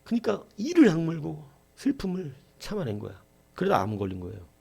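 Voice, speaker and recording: Male pastor, middle-aged, fiery Sunday sermon, slightly high gravelly voice, acts out the quoted voices. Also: wildly swooping pitch, fairly quick. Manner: impassioned preaching, swinging from hushed to shouting.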